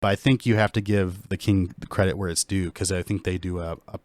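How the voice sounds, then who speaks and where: A man's voice: sits low, fairly even intonation, a little fast, a little mellow, no echo. A man co-hosting a casual podcast, talking in an enthusiastic, rambling way with lots of restarts. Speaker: podcast co-host. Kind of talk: casual chat.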